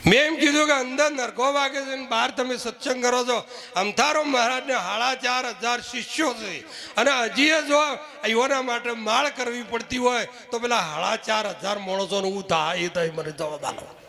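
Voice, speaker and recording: A man's voice: very high-pitched, normal speed, creaky, sharp tone. A man preaching at a village devotional gathering, who keeps asking the crowd rhetorical questions and sometimes chants verses. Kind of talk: devotional sermon with sung verses.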